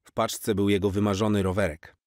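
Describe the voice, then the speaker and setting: A man narrating a children's story in a clear, expressive reading. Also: on the low side, fairly quick, dry recording, clean studio sound.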